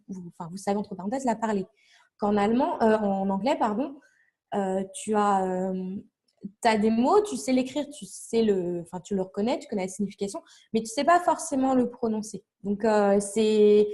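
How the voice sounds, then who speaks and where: A woman's voice: a little high, mellow. A young woman being interviewed, talking casually and at length, with many fillers and restarts as she explains things with examples. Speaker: interview guest, language learning blogger.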